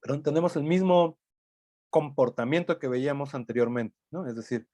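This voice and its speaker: A man's voice: a little high, moderate pace, dark tone, dry recording. A man teaching a language class, explaining step by step and thinking aloud, often checking in with tag questions. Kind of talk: recorded lecture.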